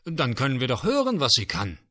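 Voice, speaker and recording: A man's voice: mid-range voice, huge pitch swings, brisk, sharp tone, voice pushed up, heavily acted. Man doing a flustered, kindly old-school conductor in a storybook. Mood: coaxing.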